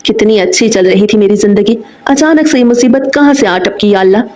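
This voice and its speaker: A woman voicing an angry, sharp-tongued young woman in a romance audiobook, speaking in a scolding, indignant way. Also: mid-range voice, a little fast, close to an everyday voice, poor audio.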